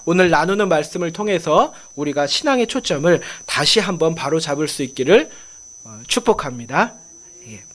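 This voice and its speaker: A male pastor preaching a Sunday sermon, putting questions to his congregation and reading scripture slowly with emphasis. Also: fairly high pitch, big pitch swings, fairly bright tone. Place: church sanctuary.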